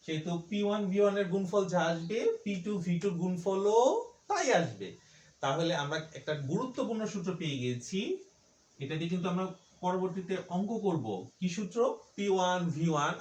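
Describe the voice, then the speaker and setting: A male physics teacher giving a classroom lecture, posing questions to students and answering them himself while repeating the key points. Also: sits high. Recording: echoey room.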